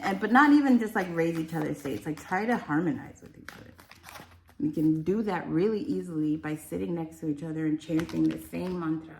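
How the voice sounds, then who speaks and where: A woman's voice: low-pitched, creaky, a little mellow, reverberant, a little hiss or hum. A woman giving a casual, rambling spiritual card reading, chatty and enthusiastic. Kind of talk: casual tarot-style reading.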